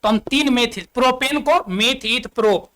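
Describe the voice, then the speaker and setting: A man's voice: very high voice, normal speed, pushed and bright. Bihari-accented male teacher quizzing pupils. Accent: Bihari Hindi. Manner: repeats and asks questions back to pupils, counts aloud while writing. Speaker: school chemistry teacher. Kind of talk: classroom-style video lesson.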